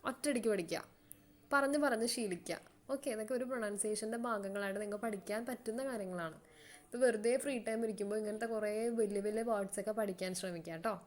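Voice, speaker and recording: A female teacher with a Malayali accent walks students through an English lesson, repeating words slowly so they can keep up. Her voice sits in the mid range.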